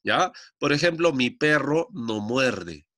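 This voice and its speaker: A man's voice: mid-range voice, lively intonation, slow pace, bright, forceful tone, no room sound, clean studio sound. A man teaching a classroom grammar lesson, explaining patiently and checking understanding often.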